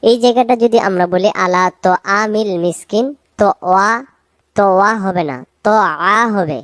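A woman teaching recitation, chanting verses slowly and drawing out each sound, then explaining the pronunciation quickly. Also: medium pitch, dry recording. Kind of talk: slow recitation lesson with spoken corrections.

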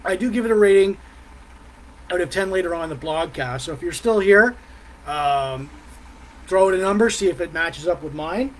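A middle-aged man with a noticeably high voice hosts a casual live vlog. He wanders through his thoughts haltingly, with frequent pauses and mm sounds. There is clear background noise in the room. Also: lively intonation, rough recording. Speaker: host of a live music and beer review vlog. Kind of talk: casual rambling live chat. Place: small decorated room at home, indoors.

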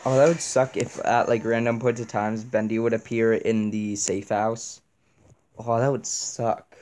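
A man's voice: lowish voice, little pitch movement, measured pace, a little mellow. A young man playing a horror game, reacting nervously and swearing as he talks through it. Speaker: gamer.

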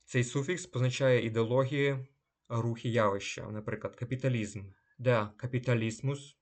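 A man giving a slow language lesson. He says each German word a little louder, then gives its translation. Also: medium pitch, steady tone. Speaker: German teacher.

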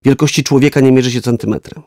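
A man's voice: mid-range voice, steady tone, fast talker, dry recording, clean studio sound, lightly acted. A man voicing a stern woman teacher. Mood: reflective. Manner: strict, then gently instructive. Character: stern but kind woman schoolteacher.

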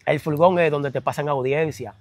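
A man with a Dominican accent, telling his story as an interview guest, animated and full of street slang, acting out quotes in a raised voice. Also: on the high side, normal speed. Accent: Dominican Spanish. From Dominican Republic.

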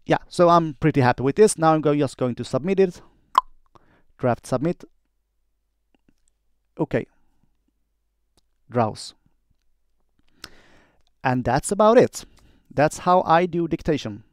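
Male software demonstrator dictating in short phrases; clean, smooth voice, mid pitch, dry close sound. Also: animated, brisk, no echo. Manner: dictating in short clipped phrases, speaking punctuation and commands aloud. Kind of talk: dictating text and voice commands.

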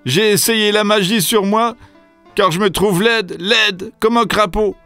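A man's voice: high-pitched, a little slow, pushed and bright, faint music behind, voice pushed up, exaggerated voice. A man voicing a weepy, shy old female witch in a children's storybook. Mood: tearful.

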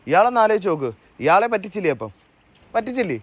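A man's voice: high voice, sing-song, rapid-fire, dry recording. A Malayali man arguing insistently, stammering and repeating himself. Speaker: prank caller posing as wronged husband. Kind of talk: heated confrontation.

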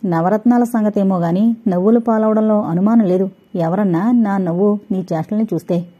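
Spirited college girl in an audio novel read by a woman, dark mellow voice, snappy and scolding, kinda muffled recording. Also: mid-range voice, breathy edge, natural voice. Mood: teasing. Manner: quick, indignant scolding. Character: spirited young female college student. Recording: dull lo-fi recording.

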